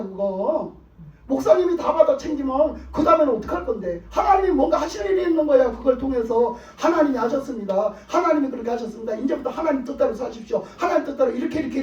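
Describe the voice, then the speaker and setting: A male pastor with a very high voice preaches emphatically. He hammers his points home with repeated rhetorical questions. He is heard from a distance in an echoey church sanctuary, through a dull, muffled recording. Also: animated, fast, a little mellow. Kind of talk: sermon.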